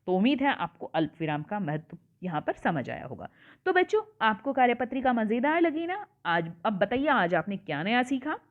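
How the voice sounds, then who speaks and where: Woman teacher, patient and questioning with the kids, lively pitch, thin lo-fi phone sound. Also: normal speed. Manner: explains patiently, repeats and asks the class questions. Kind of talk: online worksheet lesson for children.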